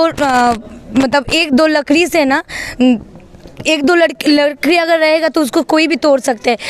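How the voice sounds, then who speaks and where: Interview guest, woman, high voice, earnest pleading tone, halting restarts. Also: a little hiss or hum. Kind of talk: casual spoken appeal.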